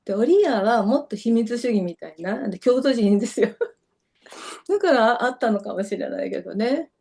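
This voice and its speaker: This middle-aged woman's voice is fairly high and gravelly, with lively intonation, a darkish tone, and a breathy edge, delivered at normal speed. A Kansai-accented dancer from Kyoto, Japan, she chats as a guest in a casual interview, telling long, rambling stories full of fillers.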